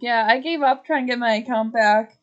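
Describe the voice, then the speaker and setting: A woman co-hosting a casual chat among friends, joking with quick asides. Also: fairly high pitch, dull audio. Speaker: podcast co-host.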